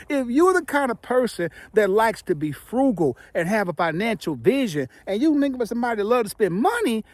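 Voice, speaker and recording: A middle-aged man giving casual, playful relationship advice to viewers, speaking emphatically with dramatic pauses and slightly impeded by the retainers he is wearing. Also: extremely high pitch, no room sound.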